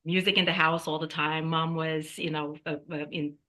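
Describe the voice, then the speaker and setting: A woman from Brazil, a singer-songwriter guest, talking casually and reflectively, pausing on fillers and often adding "right?". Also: low voice, little pitch movement, sharp tone. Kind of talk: casual interview talk.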